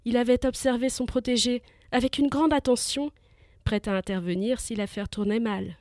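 A woman's voice: on the high side, steady tone, normal speed, darkish tone, no room sound, studio quality. A woman storyteller giving scripted narration of a myth for young listeners, vivid and lifting with the action.

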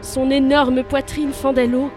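A woman's voice: high-pitched, little pitch movement, unhurried, over music. A woman storyteller giving scripted narration of a myth for young listeners, vivid and lifting with the action.

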